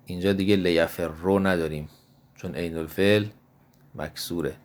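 Deep-voiced man teaching grammar slowly. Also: fairly even intonation. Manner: slow, measured, repeats forms one by one. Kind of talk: Arabic grammar lesson, recited drills.

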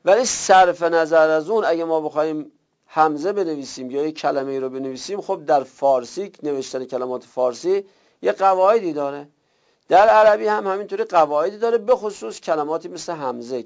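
A man's voice: fairly high pitch, creaky, muffled recording. A man teaching a recorded lesson, explaining step by step and repeating examples.

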